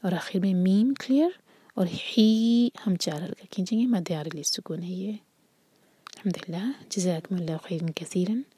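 A woman teaching tajweed, reciting words slowly and drawn out, then explaining the rules in a soft, often whispery voice. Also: lowish voice, slightly rough. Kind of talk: tajweed lesson, slow demonstrations then explanation.

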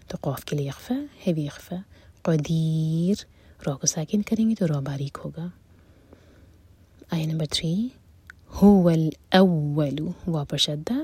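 A woman teaching Quran recitation rules, reciting verses slowly and drawn out, then explaining quickly in a soft, breathy, often whispered voice. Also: low voice, no room sound. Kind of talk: tajweed lesson, recite and explain.

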